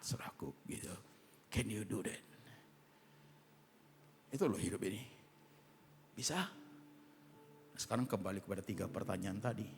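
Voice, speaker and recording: Gravelly pastor preaching. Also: male voice, on the low side, slight background noise. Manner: mixes English phrases into his preaching; impassioned, swinging between loud exhortation and hushed asides. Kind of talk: sermon. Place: large church auditorium. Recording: echoey hall with soft music behind.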